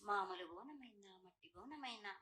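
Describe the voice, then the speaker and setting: A woman's voice: medium pitch, animated, moderate pace, bright, forceful tone, echoey room. A woman with a Telangana Telugu accent speaks as a festival oracle in a prophetic trance, declaiming incantatory, repetitive invocations as a goddess.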